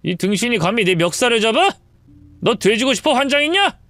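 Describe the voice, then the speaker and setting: A man's voice: very high voice, sing-song, fairly quick, fairly bright tone, dry recording, voice pushed up, heavily acted. A woman voicing a cruel cheating husband who mocks and insults his wife. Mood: contemptuous. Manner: sneering, insulting. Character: cruel cheating husband, contemptuous, middle-aged.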